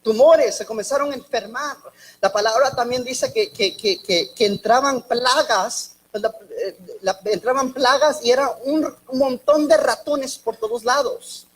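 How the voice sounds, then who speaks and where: A woman preaching a sermon in a halting way, often repeating and restarting words, with joking asides. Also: a little high, husky, low-quality recording.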